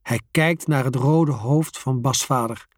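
Children's story reader, slow delivery with a husky voice. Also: mid-range voice, no echo, clean studio sound. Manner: slow, expressive. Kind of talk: reading a children's story aloud.

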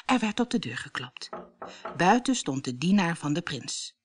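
A woman narrating a fairy tale as a storybook read-aloud, expressive and lively. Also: lowish voice, moderate pace.

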